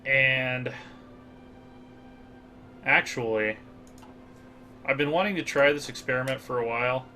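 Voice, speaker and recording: There's a little hiss or hum behind this American gaming host's mid-range, sharp-toned voice as he goes through a strategy game a bit slowly. He muses aloud casually, using many fillers.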